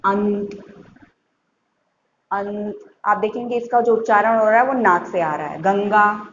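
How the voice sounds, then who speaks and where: A woman teacher explaining a grammar lesson to young schoolchildren, patient, repeating points and sounding out examples slowly. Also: mid-range voice. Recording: muffled echoey room with faint hiss.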